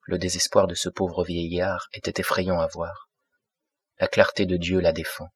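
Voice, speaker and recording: A man narrating a classic novel as an audiobook in a measured, steady way, close to the mic. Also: low voice, breathy edge, no room sound.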